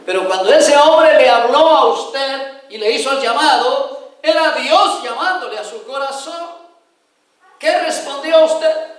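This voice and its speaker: A man's voice: very high-pitched, animated, a little slow, very echoey, recorded from a distance, rough recording. A man preaching a sermon as pastor, telling stories animatedly, acting out voices and putting direct questions to the congregation.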